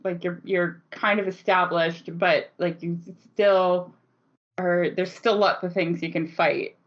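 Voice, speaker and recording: Woman podcast co-host, chatty game master, quick to laugh, muffled lo-fi recording. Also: on the low side. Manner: laughs often, animated storytelling. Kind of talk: casual chat. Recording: dull lo-fi podcast audio.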